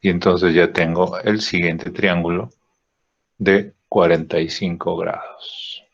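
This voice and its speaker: A man teaching a drawing software lesson, thinking aloud with fillers and checking in with "¿sí?" after each step. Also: low-pitched, fairly even intonation. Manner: slow, checks in with frequent "¿sí?" and "¿no?"; thinks aloud with "este" fillers while clicking. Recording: dull lo-fi recording.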